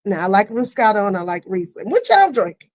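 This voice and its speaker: A middle-aged woman hosting a casual online talk show, lively and laughing, with easy "y'all" talk. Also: medium pitch, a little fast. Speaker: host. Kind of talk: casual chat. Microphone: streaming setup.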